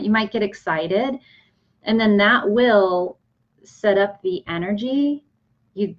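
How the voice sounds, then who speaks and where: A woman coach explaining manifesting in a casual, unhurried talk, with many fillers and restarts. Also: mid-range voice, dull audio. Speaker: energy coach.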